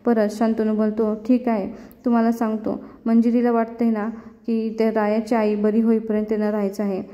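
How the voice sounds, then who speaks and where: A woman's voice: fairly high pitch, completely flat delivery, fairly quick, mellow. A woman retelling a TV serial episode as a story, quoting the characters' lines. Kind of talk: storytelling recap with acted quotes. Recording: dull lo-fi sound with long reverb.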